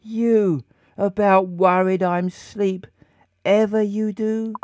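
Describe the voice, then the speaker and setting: A man on a game stream reading aloud a woman's lines, which come out in backwards word order, slowly and haltingly. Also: sits high, steady tone, a little mellow, dry recording, studio quality, pitched above the performer's own voice. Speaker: streamer voicing game characters.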